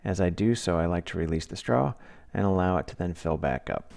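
Man, deep low voice, DIY tutorial voice-over, relaxed and practical, close mic, faint background noise. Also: a little fast, vocal fry. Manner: relaxed, practical, plain-spoken. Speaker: DIY channel host.

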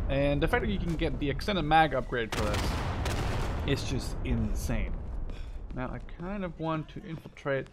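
Here the host, a man in his twenties, talks in a mid-range voice with noise in the background. His live commentary on the game is casual and wandering, full of self-corrections and offhand swearing. Gunshots, machine-gun bursts and clicking from the game sit behind his voice.

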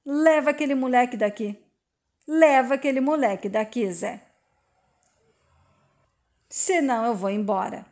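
A proud rancher's wife, hurt and reproachful, as a woman reading a storybook recap puts her on. She fires sharp, accusing questions in a high voice. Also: measured pace, long pauses.

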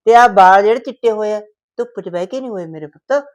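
A woman's voice: mid-range voice, fast, a little mellow, muffled recording, close to an everyday voice. An actress with a Punjabi accent playing a stern, suspicious older mother-in-law who scolds and lectures, in a village short-film drama. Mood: scolding.

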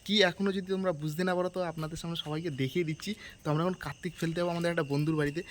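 A man vlogging outdoors at night on a dark street, talking quietly into a handheld phone camera as he sneaks along. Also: fairly high pitch, fairly even intonation, rapid-fire, a little hiss or hum. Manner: speaking quietly in a hushed voice while sneaking near a house. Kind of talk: casual vlog narration.

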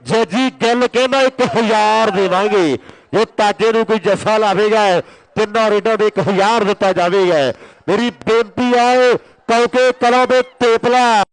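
A man giving excited, urgent rural sports commentary on kabaddi, repeating his calls and announcements. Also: high-pitched, moderate pace, poor audio. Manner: excited, urgent, repetitive calling of play and announcements.

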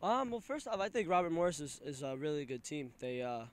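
College player, male, twenties, casual filler-heavy answers, smooth tone, pitched a bit high. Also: big pitch swings. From Pennsylvania. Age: 20s. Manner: casual, halting with many fillers. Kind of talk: postgame interview answers. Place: outdoor soccer field at night. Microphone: handheld mic held by interviewer.

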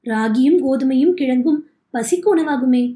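A woman's voice: sits high, normal speed, mellow, lightly acted. A woman reading the part of a worried, plain-spoken farmer, in an audiobook. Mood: earnest. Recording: echoey room.

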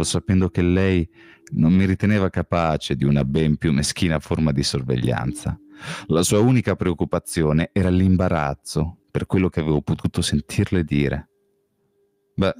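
A man reading a novel aloud as an audiobook, in first-person narration with a measured, calm delivery. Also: extremely low pitch. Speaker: audiobook reader.

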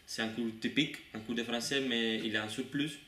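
Bright-voiced Cuban man. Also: mid-range voice, steady tone, brisk. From Cuba. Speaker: student. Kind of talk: interview answers. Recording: echoey room, mic at a distance, noise.

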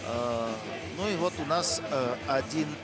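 A man giving live ice hockey commentary in a halting way, with many drawn-out hesitation pauses. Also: on the high side, over loud music. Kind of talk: live play-by-play sports commentary.

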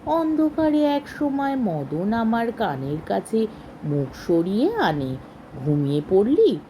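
A woman reading a short story aloud in a slow, measured way with expressive rises. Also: on the high side, a little hiss or hum, poor audio.

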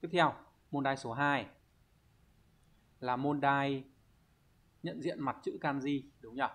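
A male language teacher reviews test questions one by one, explaining each answer step by step. His voice sits at an ordinary middle pitch. He keeps a patient, explanatory tone and often pauses to ask whether his students are following. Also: a bit bright.

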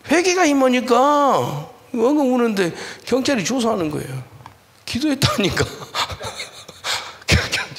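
Man, pastor, sermon, gravelly voice, mid pitch, emphatic storytelling. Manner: animated storytelling, acting out dialogue, emphatic exhortation. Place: church hall.

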